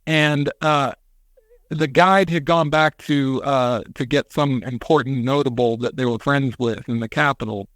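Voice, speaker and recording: A man on a podcast, retelling a story in casual chat, animated and acting out quotes with casual swearing. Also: medium pitch, measured pace, dry recording. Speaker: podcast co-host.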